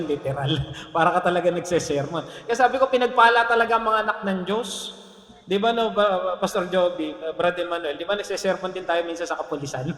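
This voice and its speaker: Man, pastor, joking sermon, bright voice, echoey church hall. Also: high-pitched. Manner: lively, joking, laughs often, asks "Amen?". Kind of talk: Taglish sermon. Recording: echoey hall with long reverb.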